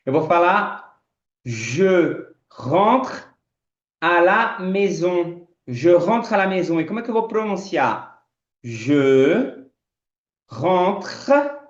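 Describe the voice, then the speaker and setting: A French man teaching pronunciation, saying model phrases slowly and repeating them as drills. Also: high voice, very animated, echoey room, dull audio. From France. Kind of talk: pronunciation lesson.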